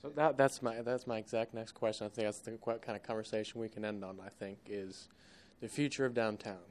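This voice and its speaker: Fast-talking male interviewer. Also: on the low side, steady tone. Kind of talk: interview questions.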